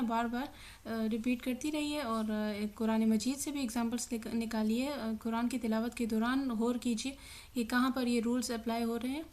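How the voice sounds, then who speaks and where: A woman with a high voice leads a tajweed recitation lesson. She drills each word slowly and carefully, saying it twice. Then she speeds up for short explanations. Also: a little mellow. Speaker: Quran recitation teacher.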